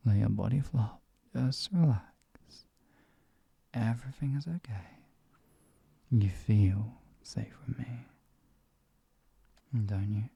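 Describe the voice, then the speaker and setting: A performer acting out a possessive hypnotist villain in an ASMR whispered role-play. The voice is very dark and soft, with a breathy, husky edge. It coaxes and teases, murmuring and slipping into close whispers as if soothing a captive pet. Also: medium pitch, no room sound, exaggerated voice. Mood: hushed, lulling.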